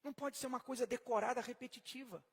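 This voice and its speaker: A man preaching a sermon emphatically, swinging from soft to loud and putting questions to his congregation. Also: extremely high pitch, steady tone, fast talker, creaky, slightly rough. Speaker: pastor. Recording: long hall reverb.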